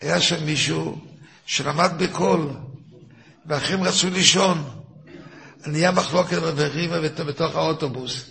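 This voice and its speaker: Older rabbi with a gravelly, bright voice. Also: male voice, a little high, long pauses. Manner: animated, acts out shouting characters in stories. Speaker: rabbi giving a weekly lesson. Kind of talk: storytelling Torah lesson.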